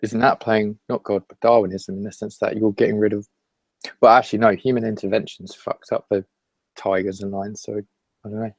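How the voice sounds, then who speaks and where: A man with a lowish voice co-hosts a casual podcast. He jokes, laughs a lot and rambles through half-finished ideas. The sound is dry and close, with no room around it. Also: level tone, fairly quick, no echo. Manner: jokey, laughs often, rambling restarts. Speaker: podcast co-host. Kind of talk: casual chat. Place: at home while eating.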